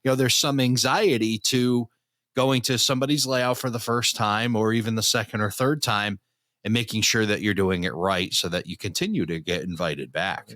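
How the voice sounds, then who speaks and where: A man's voice: on the low side, steady tone, moderate pace, a bit bright, no echo. Easygoing man hosting a podcast. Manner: chatty and easygoing, laughs along. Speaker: podcast host. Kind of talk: casual podcast conversation.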